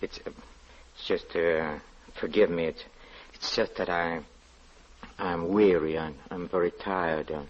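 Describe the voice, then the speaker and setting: A deep-voiced, weary, sinister lodger. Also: male voice, steady tone. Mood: weary, apologetic. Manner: halting, hesitant, softly polite. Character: strange weary male lodger, devout, soft-spoken, menacing about sin. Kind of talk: 1940s radio drama acting. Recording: dull 1940s radio recording.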